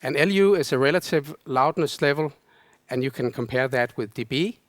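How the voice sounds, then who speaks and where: A man presenting a technical lecture, explaining in a measured way. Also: medium pitch, animated, dry recording. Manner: explanatory, measured, casual fillers. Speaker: conference presenter.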